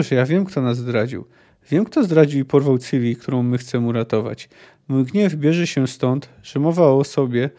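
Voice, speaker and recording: Man reading, weary storybook monster hunter, earnest and measured, slightly high voice. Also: dark tone, close to an everyday voice. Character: weary middle-aged male monster hunter apologizing.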